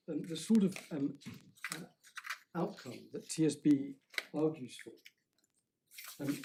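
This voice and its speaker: A man's voice: fairly high pitch, warm tone, slight background noise, low-quality recording. A man, a barrister making a careful legal submission in court, stressing key words and restarting phrases.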